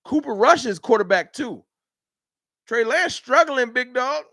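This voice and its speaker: With a very high voice and an unhurried delivery, a man from Dallas, Texas runs a live sports fan stream. He argues with his chat in an animated, heated rant. The sound is studio quality with no echo.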